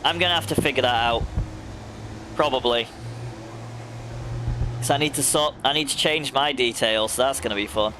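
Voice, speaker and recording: A man's voice: mid-range voice, normal speed, long pauses, background noise. A young man streaming a racing game, chatting casually, laughing often and addressing viewers by name. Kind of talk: casual chat while gaming.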